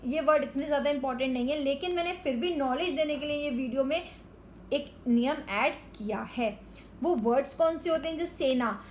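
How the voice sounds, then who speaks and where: A woman teaching a Hindi grammar lesson to children, explaining slowly and carefully word by word and mixing in English words. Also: sits high, a little hiss or hum.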